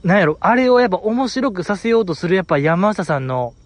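A young man with a Kansai accent chatting casually as a podcast host, animated and laughing, acting out quotes in a high voice. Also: fast talker, no echo. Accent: Kansai Japanese. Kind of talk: solo casual chat about a variety show.

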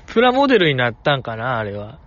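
Out in the cold, a man with a Kansai Japanese accent talks casually on his own, reviewing voice performances and playfully acting out the lines he quotes. His voice is medium in pitch with a fairly bright tone, and the recording sounds muffled.

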